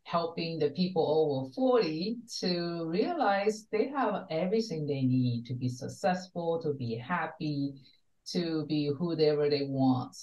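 Heard through a distant video call webcam, the recording is muffled and roomy. The speaker is an older woman from Taiwan, a wellness coach appearing as a guest from her home study, talking earnestly in a low, darkish voice.

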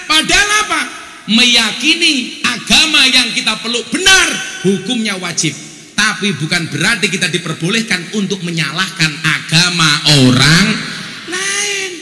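A man with a Javanese accent giving a lively, joking sermon to a big gathering, dropping into local dialect for punchlines. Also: very high voice, a little hiss or hum. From Java, Indonesia. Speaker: preacher. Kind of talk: lively humorous sermon to a crowd. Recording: echoey large hall.

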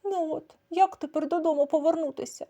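A woman voicing a pampered, plump female house cat who is proud and easily frightened, with a high plaintive voice. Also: steady tone, a little fast, mellow. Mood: scared.

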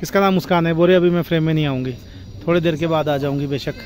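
Speaking very fast, this young man in his twenties has a slightly high, darkish, even-toned voice. He's a travel vlogger chatting away as he strolls a crowded market and monastery grounds, phone held out at arm's length, with people talking and traffic sounds all around.

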